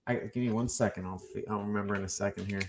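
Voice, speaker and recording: A man guest on a podcast, telling wrestling stories in casual chat and acting out his own shouted lines. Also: fairly low pitch, steady tone, fast, reverberant, background noise.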